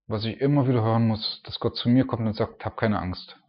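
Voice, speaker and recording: A man's voice: mid-range voice, fairly even intonation, quick pace. A man preaching an informal sermon, explaining Bible passages in a conversational, folksy way with frequent fillers. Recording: dull lo-fi recording.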